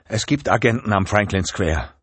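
Pleading woman captive, put on by a male narrator, high and tearful, lively swings in an audiobook. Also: normal speed, breathy edge, no echo.

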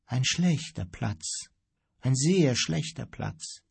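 A man voicing a calm, gentle old sea pilot who speaks softly and unhurriedly, in a husky voice. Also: mid-range voice, no room sound, heavily acted. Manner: soft-spoken, quiet and unhurried.

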